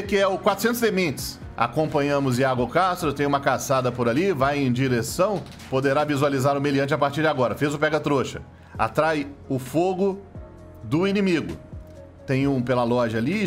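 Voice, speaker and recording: A man with a Brazilian Portuguese accent calls game footage like a mock sportscaster, jokey and animated. His voice sits somewhat high for a man. Faint music plays underneath. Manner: joking, playful, animated play-by-play. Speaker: gameplay commentator.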